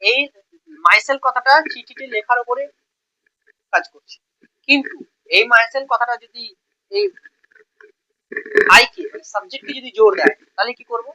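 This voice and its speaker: Bright-voiced male Bengali grammar teacher. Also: extremely high pitch, measured pace, pauses often, poor audio. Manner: explains step by step, repeats words, checks in often. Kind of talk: grammar lesson.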